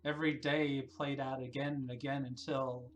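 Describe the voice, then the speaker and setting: Streamer voice, mid pitch, reads game narration softly, chats with viewers between passages. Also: moderate pace, a little hiss or hum, low-quality recording. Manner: reads narration in a quiet, even tone, breaks into excited asides. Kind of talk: livestream, reading game text aloud and chatting with viewers.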